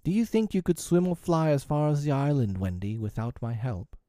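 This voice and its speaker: A man's voice: fairly high pitch, moderate pace, warm tone, dry recording, clean studio sound, pitched above the performer's own voice, lightly acted. A man voicing a proud, daring young boy hero in a storybook reading, earnest and boyish. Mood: grave.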